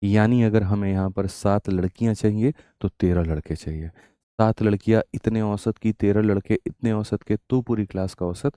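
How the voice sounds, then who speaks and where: A male maths teacher with a sore, hoarse throat leads a live online lesson. His voice is low and very dark, recorded dry and close. He keeps asking rhetorical questions and calls his students "brother". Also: fairly even intonation, normal speed, no room sound. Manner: addresses students as "mere bhai" and "bachchon", with repetitive rhetorical questions.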